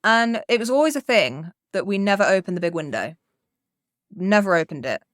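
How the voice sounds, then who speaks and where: A woman's voice: medium pitch, big pitch swings, moderate pace, no room sound, clean studio sound. Young woman telling a rambling story. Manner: rambling, swears freely, tells the story with reported speech. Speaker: podcast co-host. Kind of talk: casual storytelling.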